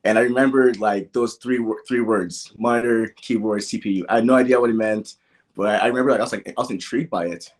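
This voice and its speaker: This young man talks fast in a lowish voice with a steady tone. Originally from Nigeria and raised in the American Midwest, he's being interviewed casually on a podcast, recounting personal stories full of "like" and "you know."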